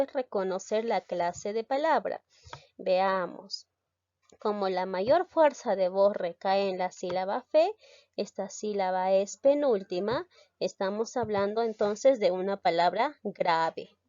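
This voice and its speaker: A woman's voice: mid-range voice, warm tone, dry recording, muffled recording. A woman teaching a grammar lesson, explaining step by step and stressing key syllables.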